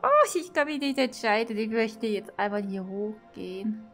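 Excited woman, gushing vlog chatter. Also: fairly high pitch, moderate pace, soft background music. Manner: gushing, exclaiming, talking to viewers. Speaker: VR vlogger. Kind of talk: excited casual vlog commentary. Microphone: VR headset mic.

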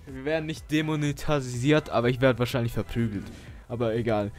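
A young adult YouTuber rambles through casual screen-share commentary from a desk in a small bedroom, speaking into a headset. His mid-range voice is steady and brisk, though he's hesitant, restarts often and laughs at his own jokes. Faint music plays in the background.

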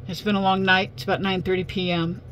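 Hoarse woman with a failing voice. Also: medium pitch, level tone, fast talker, a bit bright, low-quality recording. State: hoarse, losing voice. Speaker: online video host. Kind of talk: casual address to viewers. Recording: faint background hum and noise.

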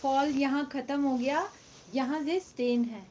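High-voiced woman selling sarees live. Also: measured pace. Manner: speaks up loudly and repeats prices. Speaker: online seller of used silk sarees. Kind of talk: live-stream sales chat. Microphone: phone mic, no external microphone.

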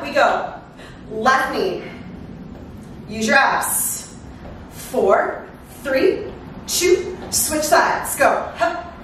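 A middle-aged woman coaching a workout as an energetic, encouraging aerobics instructor, exerting herself as she calls out cues and countdowns. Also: high voice. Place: living room at home, indoors. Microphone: far camera. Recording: echoey room, far microphone, faint noise.

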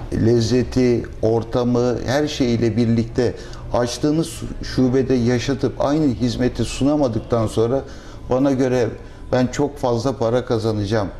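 A middle-aged man, a restaurant owner, answering interview questions in a measured, thoughtful way with pauses and fillers, recorded on a lapel mic in a restaurant dining room. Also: mid-range voice, dark tone, slight background noise.

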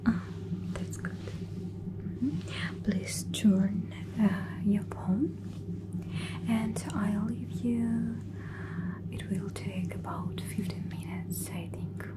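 Whispering breathily near the mic, a thirty-something woman performs a flight attendant ASMR roleplay with hesitant, stop-start phrasing. Her pitch is medium, and the recording quality is low.

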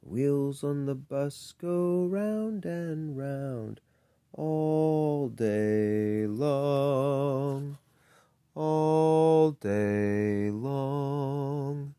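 A reader doing a slow sing-along read-aloud of a picture book, drawing out the line endings in a sing-song way. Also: medium pitch, warm tone, smooth, no room sound. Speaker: storybook reader.

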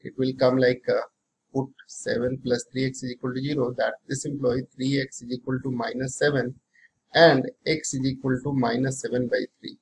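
A man's voice: medium pitch, little pitch movement, normal speed, creaky, a little hiss or hum, low-quality recording. A middle-aged man with an Indian accent teaching maths, working through problems aloud, often repeating phrases and posing questions to himself.

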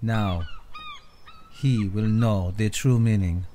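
A man narrating a mock nature documentary in a hushed, solemn manner. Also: lowish voice, slow pace, a little hiss or hum.

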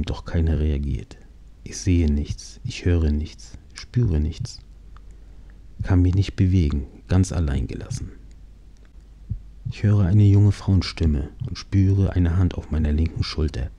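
A man in his thirties narrating his own accident in the first person, halting and dramatic, slipping into hushed whispers. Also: low-pitched, dull audio.

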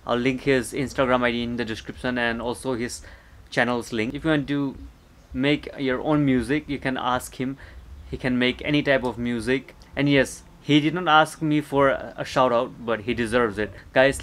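A young man hosting a casual food vlog at home, chatting with his viewers during a family meal. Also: mid-range voice. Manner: relaxed, chatty, repeatedly addresses viewers as guys. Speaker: vlogger host.

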